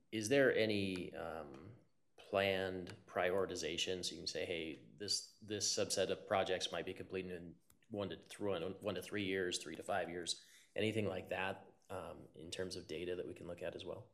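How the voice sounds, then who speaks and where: Deep, gravelly man with halting phrasing. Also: fairly bright tone. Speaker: committee member at a public meeting. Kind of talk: informal questions and comments.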